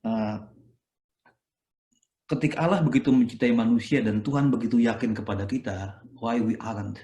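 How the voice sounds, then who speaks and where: An Indonesian-accented male priest delivers a relaxed, conversational homily, voice sitting at an ordinary middle pitch. He talks loosely, tacking on little tags and dropping in English words. The recording carries a noticeable room echo. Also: normal speed. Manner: conversational, peppered with "gitu ya" tags; mixes English phrases into his speech. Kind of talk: sermon. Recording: echoey room.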